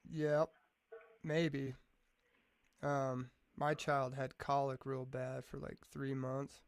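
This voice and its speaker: Gravelly laid-back guy, swears freely. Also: medium pitch, level tone, slow, no room sound. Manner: laid-back, profane storyteller who says "man" a lot. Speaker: podcast guest. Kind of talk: casual chat.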